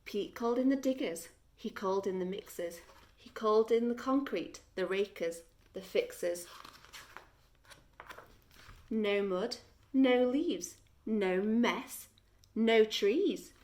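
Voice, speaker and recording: Reading a children's story like a teacher, a woman with a medium-pitched voice goes slowly and expressively, building in dramatic pauses.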